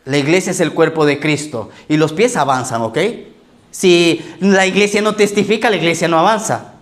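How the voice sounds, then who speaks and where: A man's voice: on the high side, normal speed. A male pastor, preaching in a conversational sermon style and often checking in with "¿ok?".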